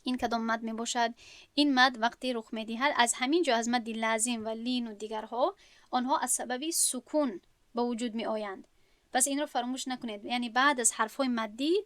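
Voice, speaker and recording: A woman's voice: a little high, fairly even intonation, fairly bright tone, dry recording. A woman teaching a recorded lesson on Quran recitation, explaining step by step and often rephrasing herself.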